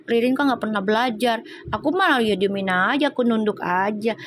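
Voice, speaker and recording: A blunt, unbothered eleven-year-old girl, as a Jakarta-accented woman quotes her. She speaks matter-of-factly and a bit high, with a faint hiss in the background. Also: brisk, lightly acted. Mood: deadpan.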